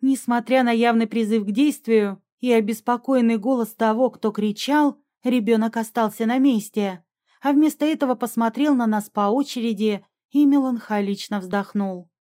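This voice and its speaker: A woman narrating a fantasy audiobook in the first person, in an even, measured way. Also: on the high side.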